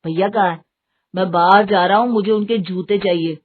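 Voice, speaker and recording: A woman's voice: mid-range voice, moderate pace, husky, close to an everyday voice. A woman voicing a careless young male college student, the younger brother, who whines and pleads. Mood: eager. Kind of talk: Hindi story voice acting. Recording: tinny phone-like audio, faint hiss.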